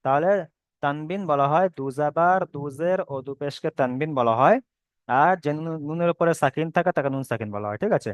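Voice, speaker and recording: A man explains a Quran reading lesson step by step, repeating every point with patience. His voice sits a little high and sounds smooth and clear. The recording is dry and close, with no room sound. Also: no room sound. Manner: patient, repetitive explaining, drawn-out sounds when demonstrating letters. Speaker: Quran recitation teacher.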